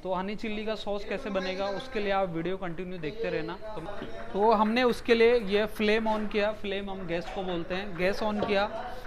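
A chef in his thirties gives a step-by-step cooking demonstration in a restaurant's commercial kitchen, wearing a lapel mic and sprinkling English words into his speech. His voice is high, his intonation fairly even, and his pace moderate, with crowd noise behind him.

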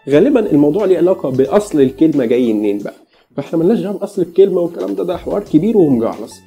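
A man's voice: a little high, big pitch swings, rapid-fire, vocal fry, mellow, lo-fi sound, soft background music. A man with an Egyptian accent giving a casual English pronunciation lesson, chatty and joking as he talks straight to the viewer. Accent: Egyptian Arabic.

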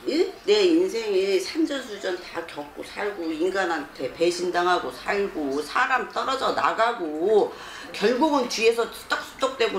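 A woman's voice: medium pitch, roomy sound, a little hiss or hum. A woman shaman fortune teller bluntly counseling a client, scolding her and pressing with rhetorical questions.

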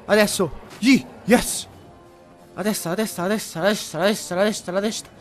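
A young man commentating his own video game boss fight, excitable, swearing, and shouting and repeating words in bursts. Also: sits high, a little fast, faint music behind. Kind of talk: live gameplay commentary.

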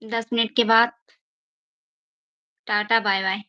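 A young woman chats with her live-stream viewers, playfully begging them to say something. Her voice sits a little high yet stays fairly flat. The sound is dry and close, with the dull, lo-fi quality of a phone mic. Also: takes it slowly, no echo. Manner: coaxing, playful, pleading for viewer replies.

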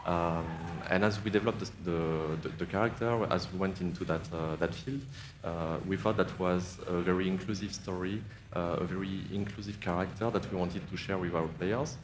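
A man, speaking as a game director on a live panel, careful and full of "uh" pauses, on a headset mic. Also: sits low, steady tone, noisy background. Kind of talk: live stage panel discussion. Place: large indoor event stage.

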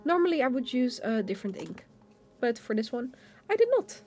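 A young woman talks casually at her desk, showing off stationery. Her voice sits a little high, and she hesitates often, restarting words and filling gaps with "um" and "uh" in a relaxed, chatty way. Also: brisk, soft background music. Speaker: stationery vlogger. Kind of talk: casual show-and-tell narration. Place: home desk indoors. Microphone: overhead camera over a desk.

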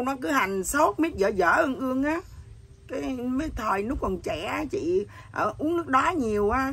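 Middle-aged woman, husky ambiguous voice, blunt earthy storyteller. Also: on the high side, fairly bright tone. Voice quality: husky voice that sounds neither male nor female. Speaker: interviewee. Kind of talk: candid emotional chat.

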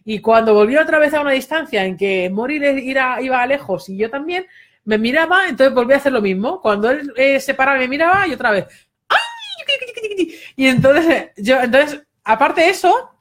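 A woman, a dog trainer giving a casual spoken lesson, chatty, with many fillers and quick asides. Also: high-pitched, lively intonation, fairly bright tone.

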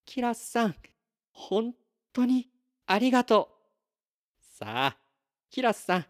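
A gentle mother speaks softly in a raised, slow voice, full of thanks. A man plays her in a storybook read-aloud. Her lines glide up and down. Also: very high-pitched, sing-song, dry recording, studio quality, voice pushed up, exaggerated voice. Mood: grateful.

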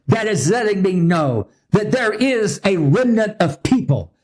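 A man's voice: high voice, very animated, unhurried, darkish tone, a little hiss or hum. A man preaching a sermon as pastor, emphatic and repetitive in his delivery.

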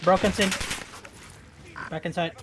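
A man on a gaming voice chat, giving short, quick call-outs to his squad. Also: high voice, fairly even intonation, background noise. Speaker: teammate in voice chat. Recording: voice chat over loud gunfire.

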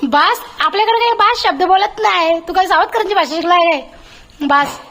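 A woman's voice: very high voice, normal speed, a bit bright. A woman home vlogger chatting casually in her kitchen and playfully scolding her pet.

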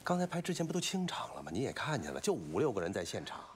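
A man's voice: medium pitch, wildly swooping pitch, quick pace, slight background noise. An actor playing a pushy male film director who presses his cast to get the scene shot. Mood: pressing. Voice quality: raspy. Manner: pressing, then shouting orders. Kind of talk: film drama acting.

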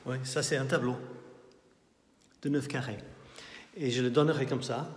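A man's voice: medium pitch, steady tone, normal speed. Middle-aged male artist, English accent, hesitant tour-guide delivery; phone-held, reverberant gallery. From not French. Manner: hesitant, many fillers and restarts, thinking aloud. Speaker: artist giving a tour of his exhibition. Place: indoor art gallery. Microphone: handheld phone at arm's length, walking. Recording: roomy gallery with long echo.

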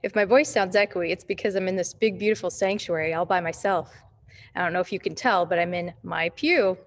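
A woman leading a short devotional talk from a pew in an empty church sanctuary, her voice echoing around the large room, speaking gently and asking reflective questions. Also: on the low side, a little fast, a little hiss or hum. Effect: echo of a large empty church sanctuary.

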